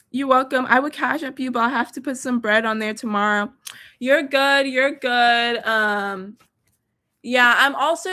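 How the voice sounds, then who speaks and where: A woman's voice: fairly high pitch, sharp tone. Casual young woman with a hint of Southern accent, chatting to viewers through a phone or laptop mic. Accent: slight Southern. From Texas. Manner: chatty, slangy, addresses viewers directly. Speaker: tarot reader livestreaming. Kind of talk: casual livestream chat.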